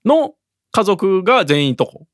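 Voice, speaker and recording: A man's voice: high-pitched, sing-song, measured pace, dry recording, clean studio sound. A man chatting casually in a semi-polite, junior-to-senior way. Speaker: podcast host. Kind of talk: casual chat.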